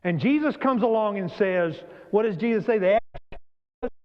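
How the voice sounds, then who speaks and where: A man's voice: sits high, animated, moderate pace. A middle-aged man preaching an earnest sermon, building up to emphatic storytelling. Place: church sanctuary. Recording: dull sound, long hall reverb.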